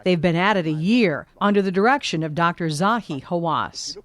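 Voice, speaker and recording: A woman reporter giving a scripted documentary narration, measured and vivid. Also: on the low side.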